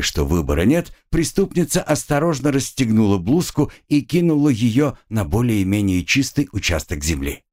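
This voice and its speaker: A man narrating a dark fantasy story in a dramatic reading style. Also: medium pitch. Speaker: audiobook narrator. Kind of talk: scripted narration.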